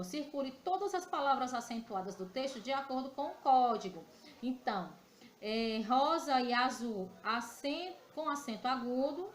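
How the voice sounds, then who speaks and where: A Brazilian woman teaching a recorded grammar lesson to primary school children. She explains patiently and often checks in with the class. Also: high-pitched. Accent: Brazilian Portuguese. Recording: echoey room with faint background noise.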